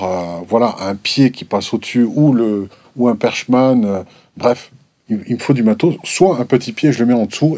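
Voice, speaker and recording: A man's voice: medium pitch, mellow, dry recording. A man reviewing microphones in a casual, explanatory way, hesitant and full of restarts and fillers. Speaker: gear reviewer. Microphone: desk microphones at a distance, switched between.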